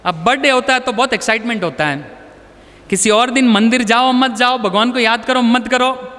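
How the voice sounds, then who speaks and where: Motivational speaker, male, very high and bright-toned, chatty storyteller. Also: moderate pace, long reverb tail. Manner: conversational, anecdotal, mixes in English words. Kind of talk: storytelling talk to an audience.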